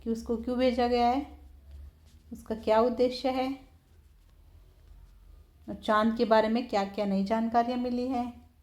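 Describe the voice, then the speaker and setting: A woman's voice: on the high side, flat delivery, a little mellow. Patient woman teaching a children's lesson. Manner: patient, repeats words slowly, keeps saying "theek hai". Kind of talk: explaining a textbook lesson to children.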